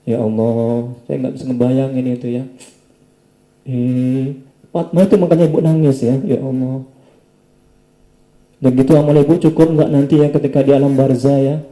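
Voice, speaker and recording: Dark-voiced preacher, gently probing. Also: male voice, medium pitch, steady tone, moderate pace, long pauses, roomy sound, poor audio. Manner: gentle probing, many tag questions. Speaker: Islamic preacher. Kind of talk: questioning a patient after a healing session.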